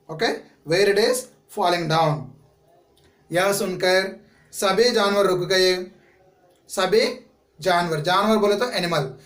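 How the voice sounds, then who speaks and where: Slow, high-voiced teacher in an echoey room. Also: male voice, fairly bright tone, distant mic. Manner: explains each Hindi word again in English; asks the class questions and answers them himself. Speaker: school teacher. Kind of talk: classroom story lesson.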